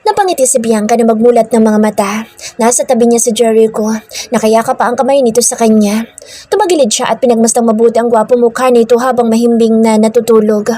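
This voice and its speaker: A woman reading a romance story aloud in an even, steady narration. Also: on the high side.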